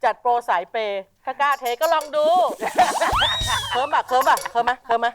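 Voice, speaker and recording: A woman's voice: a little high, moderate pace, natural voice. A woman playing a brash, flirty middle-aged woman who chases a younger man in a comedy sketch, with a teasing, brassy delivery. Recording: loud music behind.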